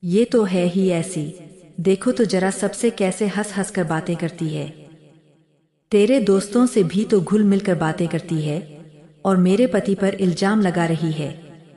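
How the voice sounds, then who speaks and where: A woman's voice: on the low side, measured pace, mellow, close to an everyday voice. A woman voicing a scornful older sister who harshly accuses and insults her brother's wife in a storybook reading. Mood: accusing, scornful.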